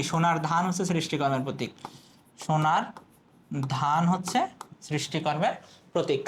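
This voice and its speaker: A man's voice: on the high side, slight background noise. A young man teaches an exam prep lesson. He keeps asking questions and answering them himself.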